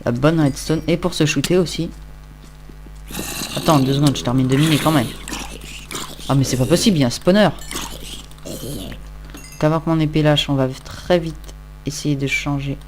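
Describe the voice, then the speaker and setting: A man's voice: fairly high pitch, fairly quick, pauses often, soft background music. A tired man giving casual, rambling, self-mocking commentary while he plays a game. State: tired, just woke up. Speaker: Minecraft let's-play host.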